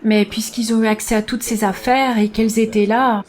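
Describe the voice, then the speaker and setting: A woman's voice: a little high, little pitch movement, normal speed, natural voice. A woman dubbing a candid, matter-of-fact intelligence contractor in a conversational voice-over. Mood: casual, candid. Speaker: voice-over dub of an interviewee.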